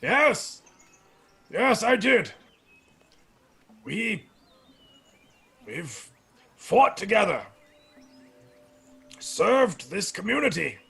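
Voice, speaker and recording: A man voicing a grumpy, bitter old nature priest in a tabletop game, with a creaky, raspy, slow and solemn delivery. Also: high-pitched, very animated, bright, forceful tone, faint music behind, heavily acted. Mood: brooding. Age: older. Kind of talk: tabletop role-play acting.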